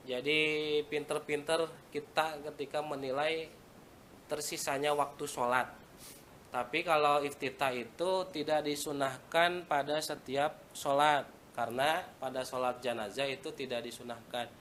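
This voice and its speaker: This Islamic religious teacher, a man with a Sundanese accent, gives a casual religious lesson, chatting conversationally while mixing in local words and reciting Arabic phrases. His voice sits on the high side with a sharp tone, and there's slight background noise.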